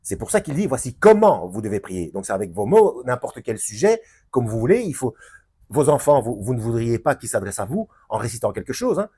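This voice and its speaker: A man with a husky, slightly rough voice gives an improvised Bible lesson to his viewers. He hesitates often, restarts phrases and fills gaps, then lifts his voice sharply to drive a point home. His pitch swings widely as he talks. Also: sing-song, brisk, warm tone. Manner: hesitant, many fillers and restarts, emphatic rises. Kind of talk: unscripted Bible teaching to camera.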